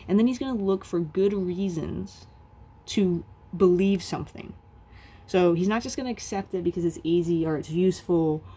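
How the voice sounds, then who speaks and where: A woman with a low voice and a warm, soft tone explains philosophy in a video lecture. She talks casually and loosely, filling the pauses with "um" and "like". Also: husky. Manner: casual and chatty, many fillers like "um" and "like".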